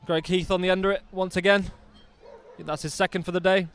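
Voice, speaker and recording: Upbeat rugby commentator man, clear voice. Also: sits high, level tone, brisk, a bit bright. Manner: chatty, enthusiastic, jokey asides. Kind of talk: live sports commentary. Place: outdoors at a rugby ground.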